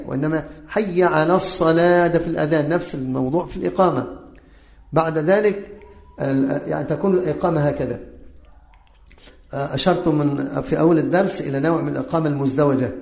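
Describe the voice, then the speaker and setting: A man leads a religious lesson, pressing his listeners with repeated questions and chanting examples aloud. His voice sits a little high. The sound is roomy and echoey. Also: gravelly, a little mellow. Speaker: religious teacher. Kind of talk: religious lesson on the call to prayer.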